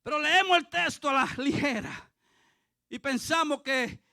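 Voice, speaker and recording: A male pastor preaching a fervent sermon, dotting it with hallelujahs and rising to shouts. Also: very high voice, a little slow, gravelly, no echo, studio quality. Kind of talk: impassioned sermon.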